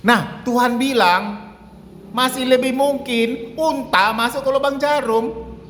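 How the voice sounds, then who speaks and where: A man's voice: extremely high pitch, takes it slowly, a bit bright, a little hiss or hum. A man giving a casual sermon, explaining with a drawn illustration, repeating phrases and acting out quoted lines. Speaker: preacher. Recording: echoey room with long reverb, faint ambience.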